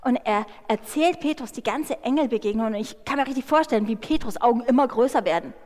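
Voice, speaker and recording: A woman preacher giving a sermon, retelling the story in a lively way and speaking directly to her listeners. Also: on the high side, quick pace, big-room sound.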